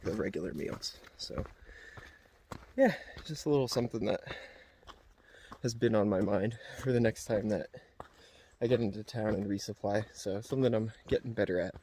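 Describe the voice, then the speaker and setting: Gravelly-voiced man vlogging on a trail. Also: on the low side, a little hiss or hum. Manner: relaxed and rambling, with many fillers. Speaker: hiker filming his own trail vlog. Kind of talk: casual self-filmed vlog chat. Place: outdoors on a mountain trail.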